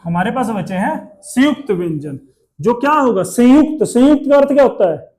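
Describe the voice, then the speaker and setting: A man teaches a Hindi class, his voice sitting noticeably high. He quizzes the students over and over and makes them repeat each sound. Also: animated, moderate pace, a little mellow. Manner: asks the class questions and drills pronunciation. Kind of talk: classroom lesson.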